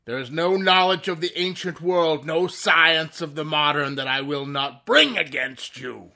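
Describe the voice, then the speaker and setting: A man's voice: fairly high pitch, pushed and bright, exaggerated voice. A man playing the Shadow, an unseen, cold and threatening avenger, in 1930s-style radio drama acting. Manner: slow, ominous, mocking.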